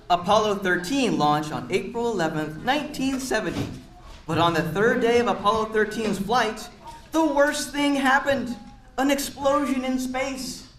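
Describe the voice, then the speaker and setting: The reader's voice is very high-pitched and fairly bright as he shares a picture book with a group of kids indoors. Between passages he encourages them, explains words and asks questions, all captured with noticeable room echo.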